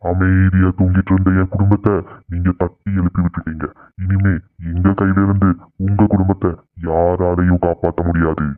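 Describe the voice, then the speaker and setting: A man's voice: sits low, level tone, moderate pace, natural voice. A man voicing a vengeful male ghost in a cartoon, speaking in a menacing, threatening way. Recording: tinny phone-like sound with music.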